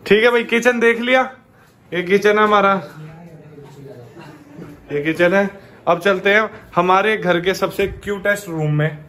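A young man vlogs a casual, chatty tour of his family home, walking room to room and calling his viewers "bhai" as if they were friends. His voice sits high, bright and pushed, unhurried with frequent pauses. It's captured on a handheld action camera indoors.

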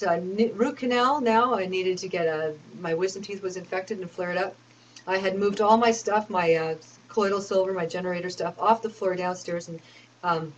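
A woman with a somewhat low voice tells a long, rambling personal story. She sounds aggrieved and fed up, piling complaint upon complaint and filling the gaps with ums and uhs. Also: slight background noise, low-quality recording. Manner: aggrieved, talks in long run-on complaints with many fillers.

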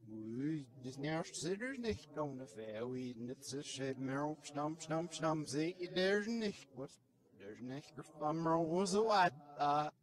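A man's voice: fairly high pitch, lively intonation, takes it slowly. A man giving a public talk on a handheld microphone, played backwards so the syllables come out reversed and garbled. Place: indoor presentation room.

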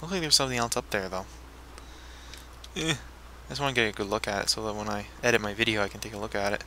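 In casual let's play commentary, a man hosting a gaming video rambles along, talking to himself while he plays. His lowish voice is pushed and bright, and he talks fast, with slight background noise.

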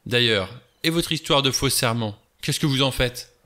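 A man's voice: mid-range voice, normal speed, bright, forceful tone, close to an everyday voice. A man reading the part of a cool, sardonic male adventurer who talks in a wry, offhand way.

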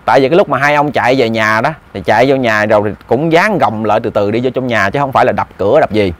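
A man's voice: medium pitch, fast talker, fairly bright tone. Chatty male storyteller. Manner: chatty, addresses listeners directly, repeats words. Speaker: ghost story narrator. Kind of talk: casual spoken storytelling.

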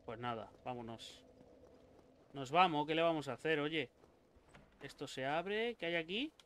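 A young man with a Spain Spanish accent giving let's play commentary, excitable and swearing a lot as he talks to the game characters. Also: fairly high pitch, a little slow, clean tone. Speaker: gaming YouTuber.

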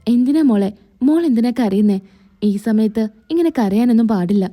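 A gentle soothing older uncle, as a woman tells it. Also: on the high side, animated, normal speed, soft background music.

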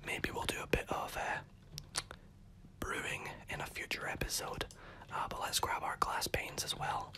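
A gaming host whispering soft, chatty commentary over gameplay, self-correcting as they go, while losing their voice and coughing now and then. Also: moderate pace.

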